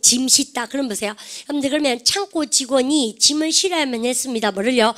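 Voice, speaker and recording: A woman teaching an English grammar lecture, quizzing her class with lively rhetorical questions. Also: high-pitched, fast.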